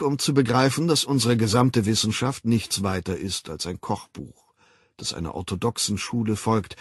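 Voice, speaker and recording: Man reading doing a smooth superior ruler, dry and lecturing, gravelly voice. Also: lowish voice, no room sound. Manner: measured, ironic, lecturing. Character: calm worldly male ruler, dry and superior.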